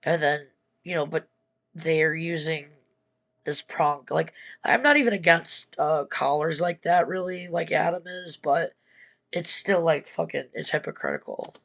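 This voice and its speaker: A man hosting a casual reaction stream, talking in a halting, emotional way and swearing often. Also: fairly high pitch, creaky, fairly bright tone. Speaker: streamer host.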